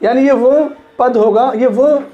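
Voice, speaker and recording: A man's voice: very high voice, measured pace, dull audio. A man teaching literature in a classroom lecture, repeating points, checking understanding and stretching words to show stress.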